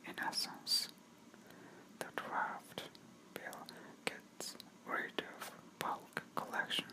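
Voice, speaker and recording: A person reading a news article aloud entirely in a breathy, unvoiced whisper, in an ASMR style. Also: extremely slow, low-quality recording. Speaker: reader.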